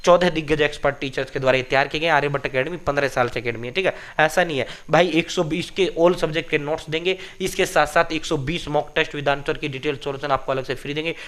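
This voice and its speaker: A man speaks in a fairly high voice. He pushes his points hard and circles back to them again and again, calling out to viewers as brothers while he gives exam updates and sells study notes. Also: quick pace, hardly any pauses, a bit bright. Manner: emphatic, repetitive, addresses viewers as brothers. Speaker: coaching channel host. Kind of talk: exam news and sales pitch.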